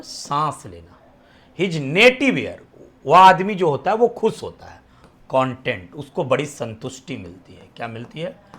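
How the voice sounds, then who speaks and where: A man with a fairly high pitch and a fairly bright tone leads an exam-prep lesson in a Bihari Hindi accent. He quizzes students and restates their answers as questions, and his voice falls nearly to a whisper on the answers.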